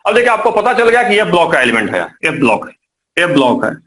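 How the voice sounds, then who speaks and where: Male teacher, high voice, live classroom lecture, repeats and quizzes students. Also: very animated, fast, a bit bright, low-quality recording. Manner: repetitive, coaxing, quizzes students. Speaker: chemistry teacher.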